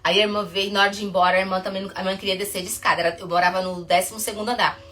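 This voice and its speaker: A woman, a psychotherapist talking casually to camera, telling stories in a chatty way that rushes ahead and then stops herself. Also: mid-range voice, flat delivery, pushed and bright, faint music behind.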